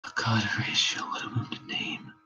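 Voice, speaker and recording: A man playing a dying, anguished Danish prince in a verse drama, with a faint, halting deathbed delivery. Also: lowish voice, level tone, a bit bright, soft background music. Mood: fading, resigned. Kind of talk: amateur read-through of Shakespeare verse drama. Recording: dull, lo-fi, faint noise.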